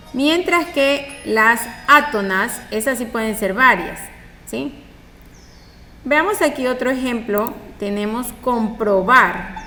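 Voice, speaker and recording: Woman, primary teacher, recorded lesson; bright and a bit high, patient, frequent check-in questions, reverberant room. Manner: stresses syllables loudly to demonstrate.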